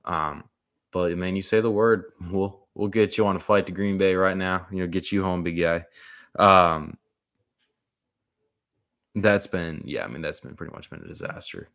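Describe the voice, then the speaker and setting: A man with a very deep voice talks football in a loose, rambling way. He piles on slang like "man", "dude" and "bro" and often restarts his sentences. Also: animated, moderate pace, vocal fry, a bit bright. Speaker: sports commentator. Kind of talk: casual sports talk.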